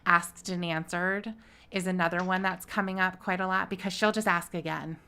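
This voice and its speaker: A woman's voice: lowish voice, fairly even intonation, normal speed, sharp tone, clean tone. A woman co-hosting a podcast, chatting casually about a court case at home with plenty of fillers and small laughs. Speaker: podcast co-host. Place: home with her dog.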